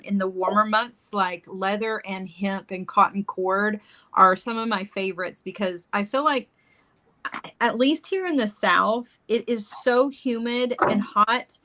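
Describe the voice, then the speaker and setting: Brief: woman guest, bright forceful voice, friendly step-by-step crafting talk. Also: medium pitch. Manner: friendly, explains steps while working. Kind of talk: casual demo chat. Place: southern United States.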